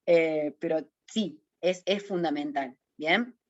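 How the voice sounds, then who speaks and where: A woman in her forties with a Córdoba accent from Argentina, giving an online webinar lesson on public speaking in a direct, lively way, often checking in with her listeners. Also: low-pitched, takes it slowly, dry recording. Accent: Córdoba Argentine Spanish. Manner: lively, direct, addresses audience informally with questions. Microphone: video call. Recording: dull, dry webinar audio.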